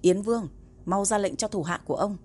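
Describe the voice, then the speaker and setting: A woman's voice: mid-range voice, a little fast, darkish tone, husky, lightly acted. A woman voicing a cold, commanding male warrior prince who speaks in curt threats. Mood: threatening.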